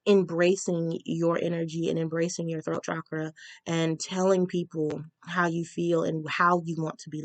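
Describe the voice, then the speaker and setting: A young woman giving a casual tarot reading, talking frankly and slowing down to stress her advice. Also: fairly low pitch, darkish tone, no room sound. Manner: candid, advice-giving, slows down for emphasis. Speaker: tarot reader.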